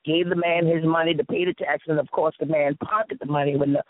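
This Sea Islands woman talks fast, her intonation fairly even, as she tells animated stories in a Lowcountry Gullah Southern American accent. An interview guest, she repeats phrases and acts out dialogue emphatically. No room sound comes through the narrow, tinny, phone-like audio.

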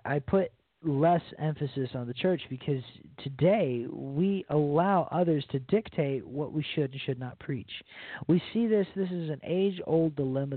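A man's voice: on the high side, dry recording. A man preaching an informal radio sermon in an earnest way, repeating his phrases and calling listeners brothers and sisters, heard over a phone line. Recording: dry, tinny phone-line sound.

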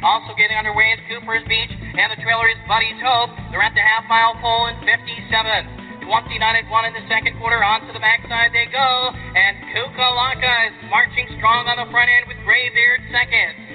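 A man's voice: extremely high pitch, little pitch movement, narrow, tinny audio, soft background music. A man calling a harness race, rattling off positions and building to the finish. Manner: rapid rising race call. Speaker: race caller. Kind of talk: horse race commentary.

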